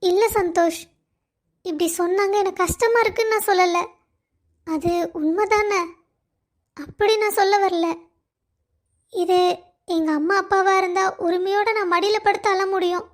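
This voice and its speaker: A woman's voice: extremely high pitch, fairly even intonation, normal speed, pauses often. A woman voicing a loving young wife who pleads and complains of being alone. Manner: pleading, plaintive.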